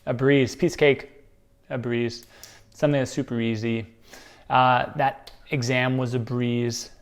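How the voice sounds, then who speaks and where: A man chatting casually and jokily as he thinks out loud in a guessing game, making up playful example sentences. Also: mid-range voice, flat delivery, a little slow. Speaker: contestant guessing slang.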